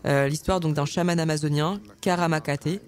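A man's voice: a little high, fairly even intonation, moderate pace. A man presenting film trailers on a radio show, speaking in a hesitant way with frequent filler sounds and restarts.

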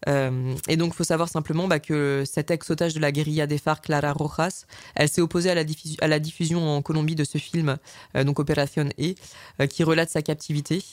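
A man with a fairly high voice presents a film segment on a radio program. He talks in a flat, level tone and hesitates often, filling gaps with drawn-out sounds. The sound is close and dry. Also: dry recording. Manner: hesitant, many filler sounds and restarts.

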